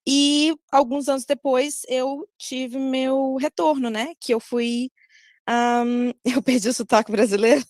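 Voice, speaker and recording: A young woman from Maranhão, Brazil, speaks with a Brazilian Portuguese accent, giving advice to students as a guest speaker on a video call. She's casual but hesitant, full of fillers, pauses and self-corrections, in a slightly high, fairly even and a little mellow voice. The sound is close and dry, with no room echo.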